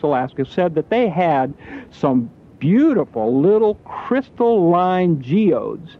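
Genial radio host, tinny broadcast sound. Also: male voice, a little high. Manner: genial radio host patter, with frequent "uh" fillers. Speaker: radio call-in show host. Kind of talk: on-air call-in radio giveaway patter. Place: radio station studio.

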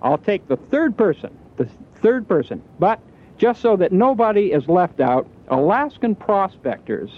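A man's voice: high-pitched, sing-song, a little slow. A man hosting a call-in radio show, talking listeners through a prize giveaway in easy on-air patter, with frequent filler sounds. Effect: radio broadcast sound. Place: radio station studio. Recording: tinny, lo-fi radio broadcast.

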